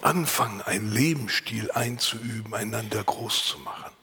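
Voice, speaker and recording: A pastor preaching a sermon, earnest and lively, sometimes dropping to a whisper and then rising for emphasis, with a voice he himself calls unusual. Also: lowish voice, moderate pace, big-room sound. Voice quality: husky. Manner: earnest, varied, drops to whispers and rises for emphasis. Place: church.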